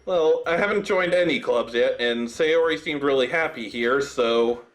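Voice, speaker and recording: A man's voice: medium pitch, moderate pace. A man gaming YouTuber reading a visual novel aloud, cracking jokes between lines. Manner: animated, joking.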